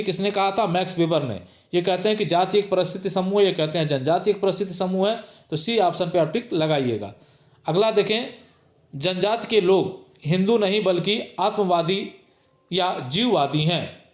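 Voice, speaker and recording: A man with a high, light voice teaches an exam-prep lecture, reading each multiple-choice question aloud twice and then stressing the correct option. He sounds middle-aged, and his voice rings in a roomy, echoing space. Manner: reads each question twice, then gives the answer with emphatic repetition. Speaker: sociology teacher.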